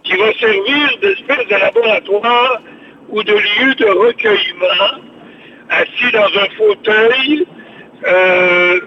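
A chatty older man with a Québécois accent and a high voice, speaking over a dull, muffled phone line. Faint hiss sits behind him, and he rambles on, often repeating his words. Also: takes it slowly. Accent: Québécois French. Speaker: radio show host on the phone. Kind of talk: casual radio chat.

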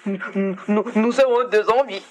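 An actor playing an excitable, stammering household member in a comic radio serial. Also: medium pitch, moderate pace, lightly acted. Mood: flustered. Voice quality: heavy stammer.

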